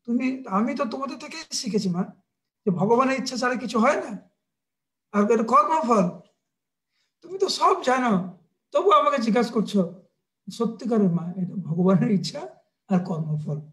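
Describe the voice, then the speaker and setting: Man playing a weepy small boy in a sermon tale, innocent, pleading, high voice. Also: expressive, brisk, long pauses, fairly bright tone. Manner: pleading, naive excuses. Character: frightened tearful little boy, innocent.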